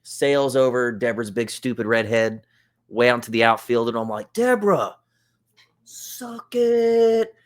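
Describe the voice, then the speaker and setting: A man in his thirties, a podcast guest, telling stories casually and excitedly. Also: mid-range voice, normal speed, clear, resonant tone. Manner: excited storyteller, acting out quotes.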